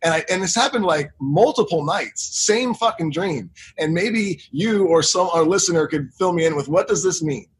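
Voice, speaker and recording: A man's voice: on the high side, expressive, normal speed, few pauses, a little hiss or hum. A man co-hosting a podcast, chatting loosely, telling stories and swearing. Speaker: podcast co-host. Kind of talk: casual podcast chat.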